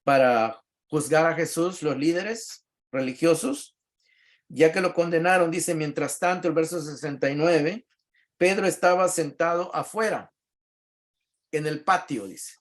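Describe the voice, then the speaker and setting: A middle-aged man with a Latin American Spanish accent, a pastor teaching a Bible class in a relaxed, conversational way, reading verses aloud and explaining them with frequent tag questions. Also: on the high side, unhurried.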